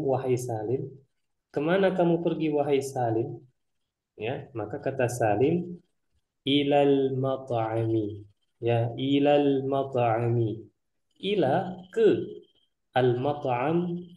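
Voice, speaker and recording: A man teaching Arabic, explaining a textbook dialogue word by word. He reads each Arabic phrase slowly, then glosses it. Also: medium pitch, expressive, dark tone, echoey room.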